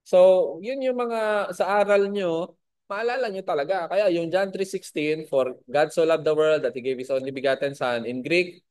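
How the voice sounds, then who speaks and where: A man's voice: high voice, moderate pace, a little mellow, clear, resonant tone. A man teaching a Bible school lesson to a class, spelling out words and asking his students questions.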